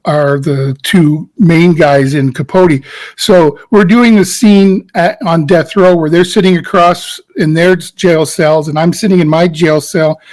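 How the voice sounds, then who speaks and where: Brief: middle-aged male actor, high-pitched, lively storyteller who jumps into frantic re-enactments. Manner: storytelling, acts out his own past reactions in a high frantic voice. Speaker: guest actor. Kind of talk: animated anecdote in a casual interview.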